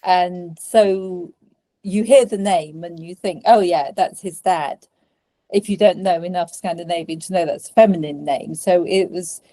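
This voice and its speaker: An older woman speaks as a guest expert in a relaxed discussion. Her voice is low and mellow, and she explains things in a measured, even way. The sound is dry and close. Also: dry recording, rough recording. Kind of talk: casual review discussion.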